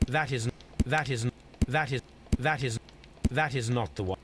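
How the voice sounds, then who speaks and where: A man voicing a reserved, methodical middle-aged detective in a video game, reasoning out clues in a measured, deliberate way. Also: mid-range voice, lightly acted. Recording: game audio with noisy ambience behind.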